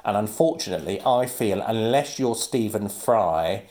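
A male guest in easy conversation, his voice rising and falling a lot as he tells anecdotes. He laughs often and slips into quick impressions of other people mid-story. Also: on the low side, animated, a little mellow. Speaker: guest, actor and comedian. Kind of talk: casual chat.

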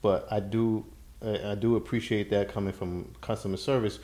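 A male interview host from Brooklyn, with a mellow, darker voice and a steady, affirming manner. He keeps nodding along with short agreements and then sums up in his own words. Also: fairly low pitch, moderate pace. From Brooklyn, New York. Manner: affirming, gives frequent backchannel agreement.

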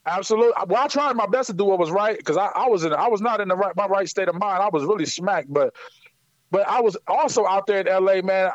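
High-voiced man talking slang by phone. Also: quick pace, no echo, highs cut off. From Akron, Ohio. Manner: animated storytelling, street slang, frequent "you know what I'm saying". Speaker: guest musician. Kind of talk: casual interview by phone. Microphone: phone line.

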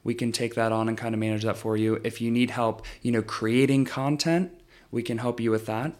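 A man's voice: mid-range voice, steady tone, brisk, darkish tone. A young man, a guest explaining his social media business in casual chat, talking freely with plenty of fillers. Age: young adult. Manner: chatty, lots of fillers like "um" and "you know".

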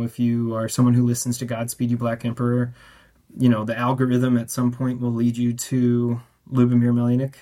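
A man's voice: medium pitch, darkish tone. Thoughtful man, festival curator guest. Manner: thoughtful, hesitant, many fillers. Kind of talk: radio interview guest.

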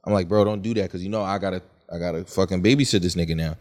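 Lower-voiced young man telling stories. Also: racing. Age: 20s. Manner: animated storytelling, acts out quotes. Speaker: podcast co-host. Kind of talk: casual chat.

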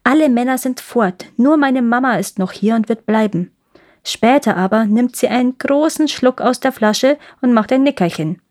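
A woman's voice: fairly high pitch, normal speed, darkish tone, natural voice. A woman voicing a fierce, bossy little robber girl who talks bluntly and teasingly in a storybook reading.

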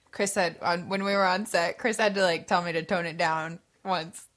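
A woman's voice: lowish voice, a bit bright. Laughing, chatty woman actor. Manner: bubbly, laughs often, quotes herself. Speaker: podcast co-host, actor. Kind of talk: casual chat.

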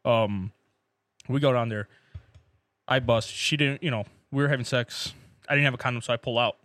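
A man's voice: medium pitch, moderate pace, fairly bright tone, no echo, clean studio sound. A man telling bawdy stories casually among friends, slangy and sweary, often saying bro and dude. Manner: slangy, profane, peppers talk with "bro" and "dude".

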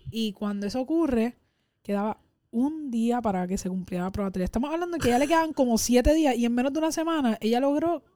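A woman's voice: a little high, lively intonation, quick pace, mellow, dry recording, studio quality. A woman telling workplace anecdotes in casual conversation, now and then slipping English words in. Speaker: podcast co-host. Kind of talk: casual storytelling chat.

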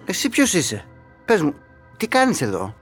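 A man's voice: a little high, wildly swooping pitch, a bit bright, husky, faint music behind, exaggerated voice. A man voicing a shy, sad little onion in a children's audio story, talking timidly and plaintively. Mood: curious.

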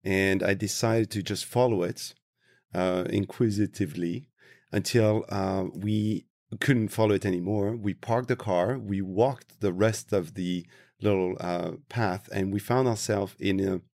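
A low, gravelly man from Tunisia speaks as an interview guest. He is reflective and unhurried, pausing to search for his words. The recording is dry and close. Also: steady tone, darkish tone, no echo. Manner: thoughtful, slow, searching for words. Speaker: interview guest, travel industry professional.

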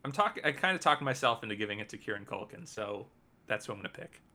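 A man's voice: on the low side, expressive, fast talker, pushed and bright. A man co-hosting a casual chat about TV awards, wry and offhand, trailing off with ums. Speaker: podcast co-host.

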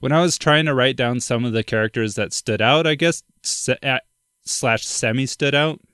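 A man's voice: mid-range voice, normal speed, fairly bright tone, clear, resonant tone, dry recording, studio quality. A young man co-hosting a podcast, chatting casually about a film, with lots of "like" and "dude" and frequent laughs. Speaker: podcast co-host. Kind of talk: casual film discussion chat.

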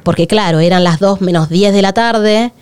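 A woman's voice: medium pitch, normal speed, smooth. A woman with a Rioplatense Spanish accent, co-hosting a podcast in candid, confessional chat. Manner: candid, confessional, animated storytelling. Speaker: podcast co-host.

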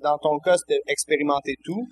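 A Québécois French man explaining his thinking in a relaxed podcast conversation. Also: a little high, a little fast, a little hiss or hum. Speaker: comedian guest. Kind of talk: casual podcast chat.

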